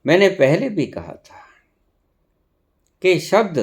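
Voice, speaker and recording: A male spiritual teacher speaks. His delivery is slow and deliberate, with a lively, swooping pitch that jumps up for sudden emphasis. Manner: slow, expressive preaching with sudden emphatic rises. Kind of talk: spiritual discourse.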